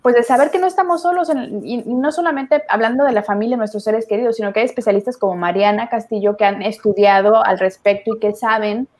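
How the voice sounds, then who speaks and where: A woman's voice: fairly high pitch, fast talker, hardly any pauses, darkish tone. A woman with a Mexican Spanish accent hosting a live talk show, chatty and emotional, reading viewers' comments aloud. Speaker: host of an online talk show.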